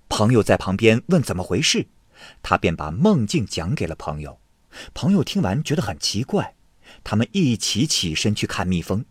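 A man telling a classic Chinese ghost tale in plain vernacular, with expressive storytelling. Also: fairly low pitch, breathy edge, dry recording, clean studio sound. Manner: expressive storytelling with vivid voices.

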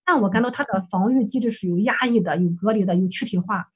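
A woman's voice: medium pitch, fast, breathy edge. A woman counselor presenting a client case for supervision, recounting session dialogue hesitantly with many fillers and self-corrections.

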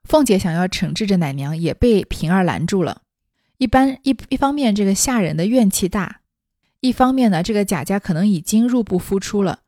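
A woman's voice: medium pitch, dark tone, no echo, studio quality. A woman reading a classic novel aloud and adding chatty, explanatory commentary. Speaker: storyteller.

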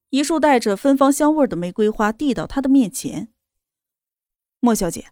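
A woman reading a romance novel aloud in a steady, even storytelling voice. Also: high-pitched, dry recording, clean studio sound. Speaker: narrator. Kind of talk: scripted novel narration.

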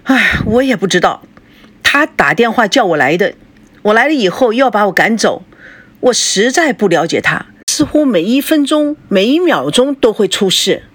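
A woman's voice: mid-range voice, big pitch swings, moderate pace, fairly bright tone, no room sound. A woman voicing a weary young boyfriend, complaining in bewilderment about his girlfriend. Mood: exasperated. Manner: exasperated complaining.

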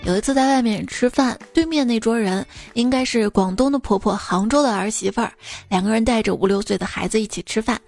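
A woman with a fairly high voice tells funny anecdotes in a light, playful way and drops in short asides. Soft music plays faintly underneath. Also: brisk, gravelly. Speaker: podcast host reading jokes. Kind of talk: comic storytelling. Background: faint background music.

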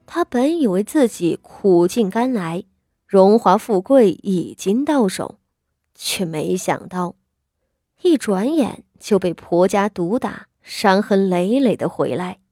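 A woman with a gentle, sweet voice reading a novel as a scripted audiobook narration, in a measured storytelling delivery. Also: mid-range voice, animated, no room sound, clean studio sound.

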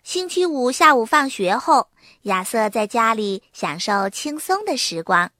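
A woman narrating a picture book to young children in a lively storytelling manner. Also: a little high, unhurried, dry recording, clean studio sound.

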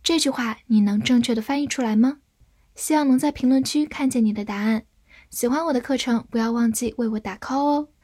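A woman whose first language is Chinese, teaching English vocabulary in a scripted lesson and reading the example sentences slowly and patiently. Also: a little high, dark tone, no room sound, studio quality.

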